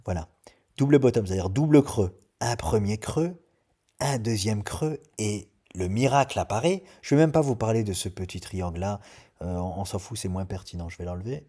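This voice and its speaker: A man's voice: lowish voice, normal speed, mellow. A man hosting a trading channel, explaining a price chart in a casual, chatty way and hammering home his point with emphatic repetition.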